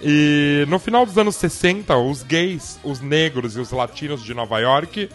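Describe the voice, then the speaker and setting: Man with a cold, fairly high voice, playful giggly co-host, faint music underneath. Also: unhurried. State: has a cold. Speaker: podcast co-host. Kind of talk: casual radio chat.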